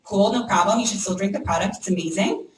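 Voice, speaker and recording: A woman giving a lively training talk to a room of people, checking in constantly with "okay?" and "right?". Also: mid-range voice, fast talker, background noise. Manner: energetic, acts out prospects' voices, frequent "okay?" and "right?". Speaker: network marketing trainer. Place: meeting room with an audience. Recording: echoey room, mic from far off.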